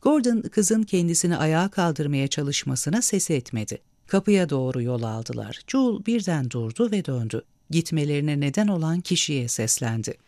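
A man narrating a story aloud with an expressive, measured reading. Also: a little high, no echo, clean studio sound.

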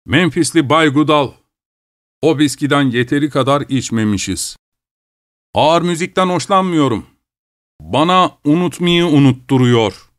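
A man's voice: a little high, unhurried, no room sound, studio quality, close to an everyday voice. A man reading aloud and voicing a sick, hard-drinking young man who talks in a boastful drawl. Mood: wistful.

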